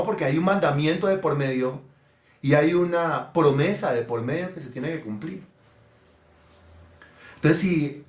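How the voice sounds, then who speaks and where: Emphatic preacher. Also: male voice, fairly high pitch, reverberant. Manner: emphatic, acts out parents and children in quick put-on voices. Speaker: pastor. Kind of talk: sermon.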